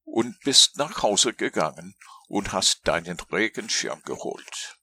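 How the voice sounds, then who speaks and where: A man reading a children's storybook aloud, gentle and lilting in his telling. His voice is very low, with a gravelly, husky texture and a bright edge, and his pitch swings widely. The sound is dry and close. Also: lively intonation, slow, no room sound.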